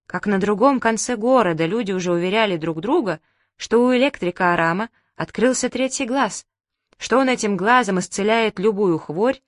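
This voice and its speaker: A woman narrating an audiobook in a lively, humorous storytelling manner. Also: medium pitch, dry recording, studio quality.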